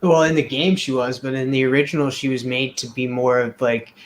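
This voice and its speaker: A man's voice: mid-range voice, steady tone, brisk, low-quality recording. A man with a mid-range voice rambles through a casual chat on a drawing show, stumbling and restarting as he searches for words. There is a faint hiss behind him. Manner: rambling and hesitant, full of fillers and restarts. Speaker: co-host of a drawing talk show.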